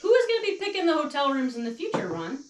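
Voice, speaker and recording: A woman's voice: high voice, huge pitch swings, rapid-fire, slight background noise. An American woman chatting casually in a playful, teasing way. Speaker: co-host of a couple's live chat. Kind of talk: casual chat. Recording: roomy, distant mic.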